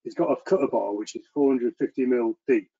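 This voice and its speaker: A man presenting to an engineering meeting over a video call, talking earnestly in a monotone with frequent restarts. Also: medium pitch, brisk, slightly rough. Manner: self-described monotone delivery. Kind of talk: online presentation and Q&A. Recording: muffled lo-fi video call audio.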